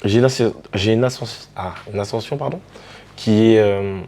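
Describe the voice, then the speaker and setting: A man from the French Caribbean, a DJ and artist telling stories in a relaxed interview, with many fillers and restarts. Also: lowish voice, moderate pace. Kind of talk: casual storytelling interview.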